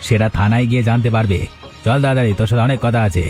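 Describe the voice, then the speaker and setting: A man voicing a stern village police officer who talks in a gruff, commanding way. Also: mid-range voice, steady tone, very fast, darkish tone, faint music behind, lightly acted.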